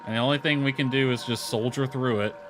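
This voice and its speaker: A man talks fast in a medium-pitched, steady voice, rambling casually over a game livestream and grumbling a little as he plays. Music runs in the background.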